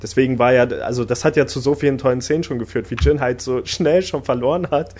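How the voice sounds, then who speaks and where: A man with an ordinary mid-range voice chats casually with friends. He talks at length, laughs easily and grows animated when something delights him. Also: mid-range voice, quick pace, breathy edge. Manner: talkative, laughs often, animated when enthusiastic. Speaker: podcast host discussing anime. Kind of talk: casual chat.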